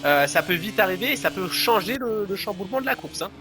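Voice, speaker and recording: A man's voice: high voice, animated, fast, over music. A man giving live play-by-play as a motorsport commentator on a motorcycle racing game.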